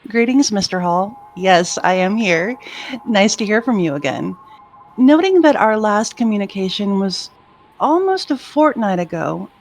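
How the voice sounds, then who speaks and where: A woman's voice: mid-range voice, natural voice. A woman playing a formal, courteous mission controller in a science fiction audio drama, polite and official.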